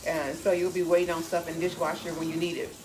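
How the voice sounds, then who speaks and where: A woman's voice: fairly low pitch, little pitch movement, fast talker, background noise. A woman chatting casually in her home kitchen, giving down-to-earth cooking advice while she works. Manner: chatty, gives direct homey advice.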